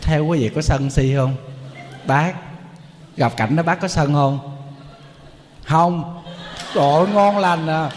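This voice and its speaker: A man's voice: fairly high pitch, slow pace, pauses often, big-room sound, slight background noise. A man, a Buddhist monk giving a humorous, storytelling sermon.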